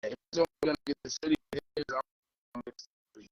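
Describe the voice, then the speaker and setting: A man's voice: fairly high pitch, fast talker, no echo, dull audio. A man talking casually as a musician guest over a video call, his audio choppy and breaking up. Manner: laid-back street slang, keeps asking "you feel me".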